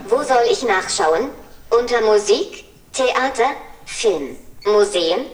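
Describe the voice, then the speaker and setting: A woman's voice: mid-range voice, lively intonation, slow pace. A synthetic female voice of a humanoid service robot, speaking in polite, cheerful assistant phrases during a scripted demo. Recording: roomy and far from mic.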